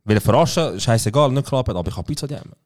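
A man's voice: medium pitch, racing. A young man with a Swiss German accent, a podcast co-host, telling a story in casual chat and acting out what everyone said. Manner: animated, quotes people with "ich so" and acts out their lines.

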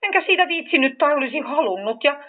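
A fussy marten lady flutters and mutters to herself in a storybook, voiced by a woman. Her voice runs high and jumps around. The sound is thin and phone-like. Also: animated. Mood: muttering. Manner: flustered, fussing, muttering to herself.

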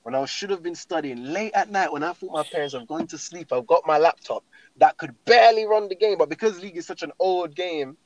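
Young london roadman guy, slangy casual chat, kinda high voice, dry muffled recording. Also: fairly quick, no room sound. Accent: London, urban roadman slang style. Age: young adult. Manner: slangy, emphatic, repeats phrases. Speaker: guest talking through favourite games.

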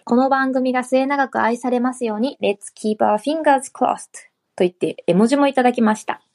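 A woman's voice: a little high, steady tone, fast. Polite woman reading listener comments. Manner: polite, reads comments aloud. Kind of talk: casual podcast chat.

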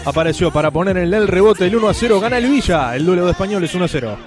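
Male pundit, Uruguayan, high-pitched and emphatic, colloquial live match analysis with music behind. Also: expressive, racing. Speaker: football pundit.

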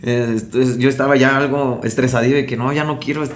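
Slangy young Mexican musician telling stories. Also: male voice, medium pitch, fairly quick, a little hiss or hum. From Mexico, Michoacán. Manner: slangy, animated, acts out quoted dialogue. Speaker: guest musician. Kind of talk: casual storytelling interview.

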